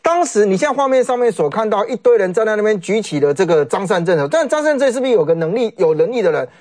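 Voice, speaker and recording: A man with a Taiwanese Mandarin accent talks quickly, with a pitch that leaps up and down. He is a political commentator on a talk show, animated and sarcastic, often imitating other people's words.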